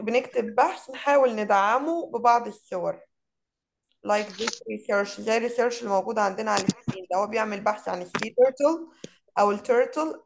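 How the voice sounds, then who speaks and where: A woman teaches English over an online class, speaking Arabic with an Egyptian accent and switching into English. Her voice sits a little high. She slows down and stretches each example word so that pupils can repeat it. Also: gravelly, noisy background.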